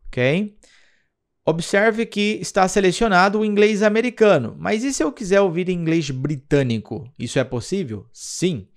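Brazilian male teacher, somewhat high voice, patient tutorial delivery. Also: animated, moderate pace. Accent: Brazilian Portuguese. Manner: patient, explanatory, checks in with "tá?" and "olha só". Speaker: English teacher. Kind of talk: screen-recorded app tutorial.

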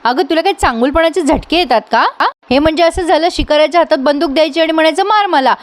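A woman's voice: sits high, fast talker, pitched above the performer's own voice, lightly acted. A woman voicing a worried, protective young sister-in-law in a serial recap, warning and pleading.

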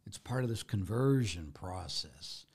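Priest, low gravelly voice, forceful preaching that builds to loud declarations. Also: male voice, lively intonation, measured pace. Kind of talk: sermon.

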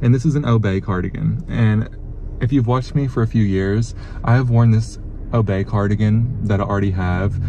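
A young man in his twenties vlogging on his phone, excitable and chatty, swearing freely and saying "like" a lot. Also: lowish voice, dull audio, background noise. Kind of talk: casual vlog talk to camera. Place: inside a car, then a hotel room, then an outdoor street. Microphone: phone camera held at arm's length.

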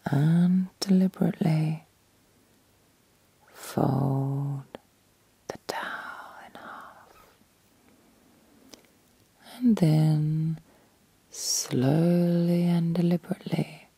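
A woman leading an ASMR guided meditation in a whisper, with repetitive, deliberate phrasing and long pauses. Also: sits low, fairly even intonation, vocal fry, dark tone, breathy edge.

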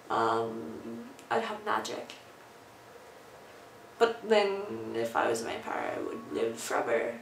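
A woman's voice: medium pitch, vocal fry. A young adult woman with a Southern Californian accent, chatting casually in a rambling, informal, sweary way. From Southern California, United States. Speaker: vlogger answering an accent challenge questionnaire. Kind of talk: casual chat. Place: small bare-walled room indoors. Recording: roomy, distant mic, noticeable background noise.

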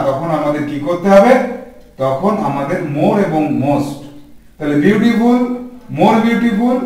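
Male teacher, quizzes the class as he explains, high voice, distant and echoey. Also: darkish tone. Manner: asks the class questions and answers them himself. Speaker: English teacher. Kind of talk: spoken grammar lesson. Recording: echoey room from far off.

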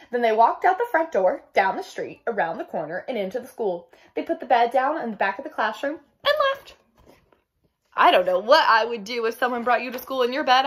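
A young adult storyteller reads a picture book for children in a small indoor room at home. She speaks expressively and emphatically with chatty asides, her voice on the high side with a breathy edge.

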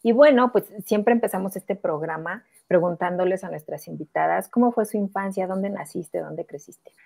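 A woman's voice: fairly low pitch, normal speed, gravelly, a little mellow. A middle-aged woman co-hosting a video-call interview, talking effusively with many fillers. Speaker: co-host. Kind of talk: casual interview chat. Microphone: earphones on video call.

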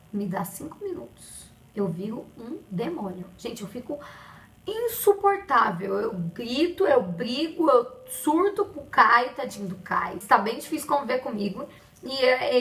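Brazilian woman, young, high-pitched, expressive casual chat, roomy echo. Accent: Brazilian Portuguese. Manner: chatty, expressive, addresses viewers directly. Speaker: vlogger. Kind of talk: casual pregnancy diary vlog.

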